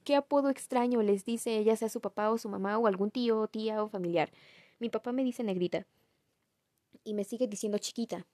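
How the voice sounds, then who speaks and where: A woman's voice: fairly high pitch, a little mellow, dry recording, studio quality. Giggly young Mexican woman vlogging. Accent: Mexican Spanish. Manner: chatty, self-mocking, giggly. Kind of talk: casual storytelling vlog.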